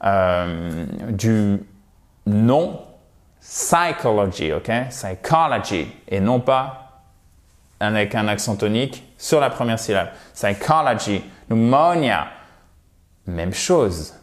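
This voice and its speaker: A man whose first language is French, teaching English pronunciation and slowly repeating each word as a drill. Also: on the low side, expressive, darkish tone. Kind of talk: pronunciation lesson.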